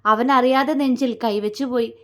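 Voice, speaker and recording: A woman's voice: on the high side, steady tone, moderate pace, a bit bright. A woman narrating an emotional audio love story in a dramatic storytelling manner. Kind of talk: scripted narration.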